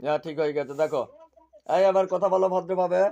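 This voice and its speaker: Man, spiritual healer, stern, repetitive commands, high voice, muffled lo-fi recording. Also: fast, gravelly, mellow. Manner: stern, repeats short demands. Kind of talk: commanding interrogation over a video call.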